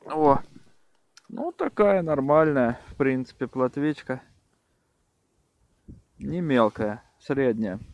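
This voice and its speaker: A man giving casual, unhurried commentary on his own fishing in short muttered remarks, recorded outdoors with wind on the mic. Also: medium pitch, expressive, lo-fi sound. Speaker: angler filming own fishing vlog.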